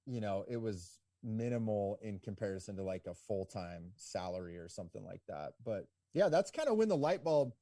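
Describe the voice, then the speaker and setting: A man of around forty, a guest on a podcast interview, telling his story in a relaxed, rambling way full of "like" and "you know". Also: lowish voice, moderate pace, hardly any pauses, no room sound, studio quality. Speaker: podcast guest, ski business owner.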